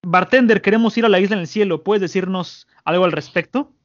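A man with a Mexican accent voicing an urgent young female navigator, raising his pitch, on a muffled recording. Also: a little fast, close to an everyday voice. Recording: muffled lo-fi audio.

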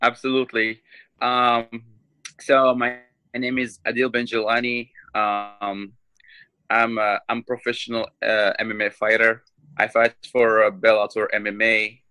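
A man in his twenties from Morocco, a guest on a podcast, telling his story in a halting way with many ums and restarts. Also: fairly low pitch, level tone, sharp tone, clean tone, poor audio. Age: 20s. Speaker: guest, professional fighter. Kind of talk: casual interview talk.

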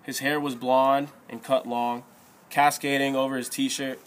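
A man's voice: medium pitch, little pitch movement, unhurried. Man narrating an audiobook.

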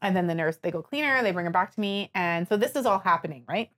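A woman's voice: lowish voice, fast. Chatty woman with a stuffed-up nose. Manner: chatty, animated storytelling with many fillers. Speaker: podcast guest telling her birth story. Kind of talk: casual chat.

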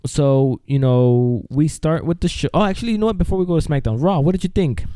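A man with a very dark, mellow voice chats casually as co-host of a wrestling podcast. He rambles loosely and keeps saying "dude". The sound is dry and close, with no room around it. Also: on the high side, fairly quick, no room sound.

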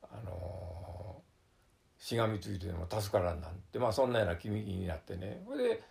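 A man's voice: deep voice, big pitch swings, moderate pace, darkish tone. An older man with a Kansai Japanese accent telling how he survived a flood, in a vivid, filler-heavy storytelling way. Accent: Kansai Japanese, Wakayama dialect. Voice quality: gravelly. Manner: vivid storytelling with sound words, many fillers. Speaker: flood survivor recounting his experience. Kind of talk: oral history testimony.

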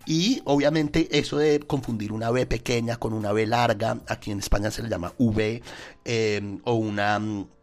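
A man with a Colombian accent, a podcast host casually teaching spelling rules with lively repetition and sound effects. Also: lowish voice, moderate pace.

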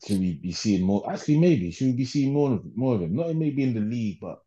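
A man's voice: medium pitch, sing-song, a little fast, mellow, slightly rough, muffled recording. A man with a London roadman accent chatting casually and slangily on a football panel. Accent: London, urban street slang. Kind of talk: casual chat.

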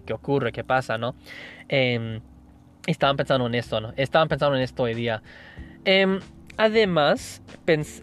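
Higher-voiced man musing aloud, non-native. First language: English. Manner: thinking aloud, frequent restarts and tag questions. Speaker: language learner sharing tips. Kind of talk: casual spoken monologue.

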